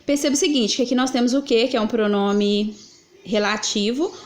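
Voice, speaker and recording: A woman walks through grammar exercises, patient and methodical, asking questions and answering them herself. Her voice sits a little high for a woman. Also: steady tone, normal speed. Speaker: Portuguese teacher.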